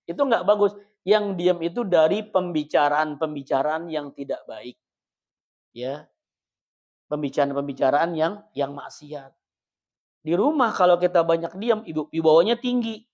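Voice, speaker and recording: Jokey man preaching, lo-fi sound. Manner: jokey, chatty, often laughs; wide swings in pitch and loudness. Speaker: religious teacher. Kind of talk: mosque study-circle sermon. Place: small prayer hall.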